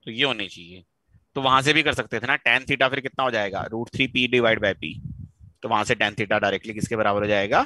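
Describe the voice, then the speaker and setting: A man's voice: on the low side, a little fast, sharp tone, dry recording, rough recording. A man teaching a physics class in a mix of Hindi and English, quizzing students to draw out answers. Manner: questioning, coaxing students to answer; mixes Hindi with English terms. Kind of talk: live online physics class.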